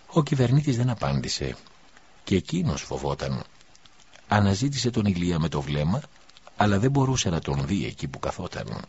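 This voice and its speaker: A man narrating an audiobook in an even, measured reading style. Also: low-pitched, husky, lo-fi sound. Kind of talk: scripted narration.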